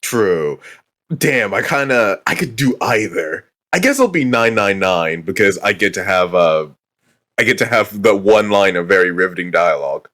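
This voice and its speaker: A man's voice: lowish voice, animated, normal speed, fairly bright tone. A man co-hosting a podcast, making wry, teasing quips in casual chat. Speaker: podcast co-host.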